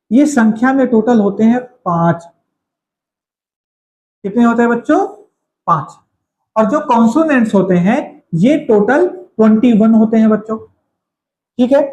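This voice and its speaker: A man's voice: high voice, darkish tone, slight background noise. A man teaching a grammar lesson, calling his students kids, repeating each point and quizzing them. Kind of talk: classroom lecture. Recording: echoey room.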